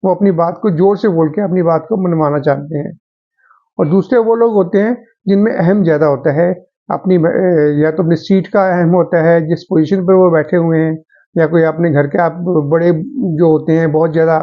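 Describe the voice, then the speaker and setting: Male motivational speaker, lighter high voice, earnest advice-giving tone, muffled lo-fi sound. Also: steady tone, moderate pace. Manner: earnest, advisory, addresses listeners as friends. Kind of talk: motivational talk to viewers.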